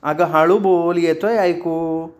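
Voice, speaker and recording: A man's voice: a little high, steady tone, slow pace. A man voicing a worried, suspicious middle-aged mother questioning her daughter. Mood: fussing. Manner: suspicious, fussy.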